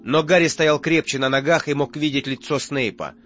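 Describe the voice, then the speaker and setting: Man narrating an audiobook, slightly high voice. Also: fairly even intonation, normal speed, a bit bright. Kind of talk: scripted narration. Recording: muffled audio with faint music.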